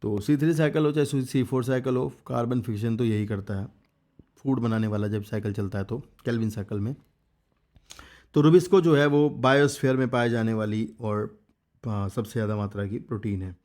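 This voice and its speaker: A man's voice: mid-range voice, brisk, a little mellow. A man giving a casual exam revision biology lecture, reading textbook lines in English and explaining them in Hindi, urging students to remember key points. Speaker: biology teacher.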